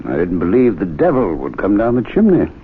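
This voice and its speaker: A dry, wry club gentleman. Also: sits low, wildly swooping pitch, fairly quick, husky, exaggerated voice. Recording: tinny 1970s radio broadcast with faint noise.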